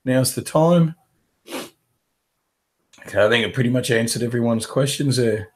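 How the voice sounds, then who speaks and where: A man's voice: mid-range voice, moderate pace, a little mellow. A man with a head cold and a fading voice, rambling casually through a live webinar Q&A from his home office. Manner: casual, rambling, with many fillers and restarts. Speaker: carpet cleaning business coach.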